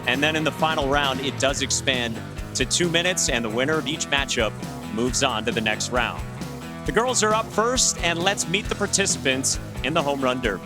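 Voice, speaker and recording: A man calling a youth baseball home run derby as play-by-play announcer, upbeat and brisk. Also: medium pitch. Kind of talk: sports broadcast commentary. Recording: music bed behind the voice.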